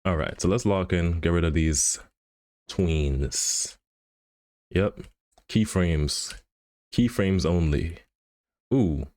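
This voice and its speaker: A man's voice: low voice, slow pace, long pauses, a little mellow, no echo, studio quality. A man streaming live, thinking aloud and muttering to himself as he edits an animation in a casual, laid-back way. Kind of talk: casual livestream commentary while animating.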